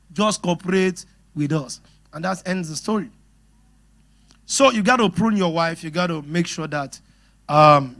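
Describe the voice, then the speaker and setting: A middle-aged pastor with a Nigerian English accent giving a sermon on marriage, animated and often laughing as he talks straight to the congregation. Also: on the high side.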